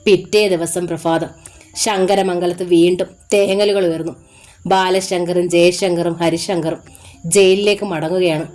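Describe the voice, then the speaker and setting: A woman narrating a serialized novel aloud in a steady, expressive storytelling manner. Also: on the low side.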